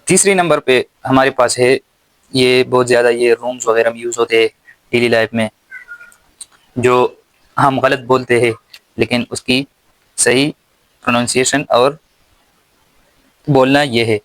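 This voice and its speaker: A man with a Pakistani accent teaching English slowly and deliberately, pausing word by word and repeating his questions. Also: mid-range voice, steady tone, fairly bright tone, dry recording, rough recording. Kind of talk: slow spoken English lesson.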